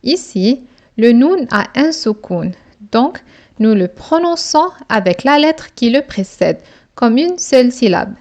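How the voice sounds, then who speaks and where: A woman teacher walks through a reading lesson at an extremely unhurried pace, breaking every word into separate syllables. Her voice sits a little high and stays careful and deliberate throughout. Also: big pitch swings, darkish tone. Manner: slow, deliberate, sounding out each syllable.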